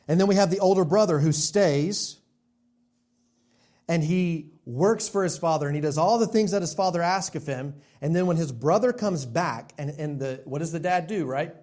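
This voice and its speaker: A man's voice: a little high, moderate pace, a little mellow. A male pastor preaching a sermon in a church sanctuary in a conversational way, asking his congregation rhetorical questions.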